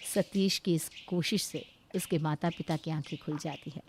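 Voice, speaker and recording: A woman narrating a cartoon story in a calm, even storybook manner. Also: low-pitched, moderate pace, a little hiss or hum.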